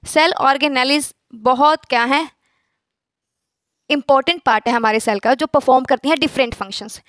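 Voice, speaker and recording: High-pitched woman teaching biology. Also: moderate pace, fairly bright tone, no room sound, studio quality. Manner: asks rhetorical questions and answers them herself; mixes English phrases into speech. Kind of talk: classroom lecture.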